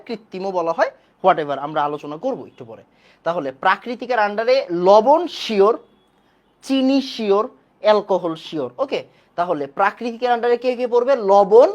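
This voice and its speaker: A woman teaching a chemistry class online, repeating key points and quizzing the class. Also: medium pitch.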